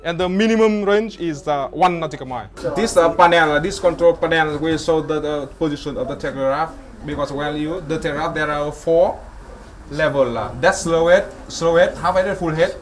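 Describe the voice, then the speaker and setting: A man explains the equipment on a ship's bridge, his voice slightly high. He speaks haltingly and stops often to find his words. Faint background noise sits under him. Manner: halting, explanatory, many fillers. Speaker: maritime instructor. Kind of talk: explaining equipment on a guided tour.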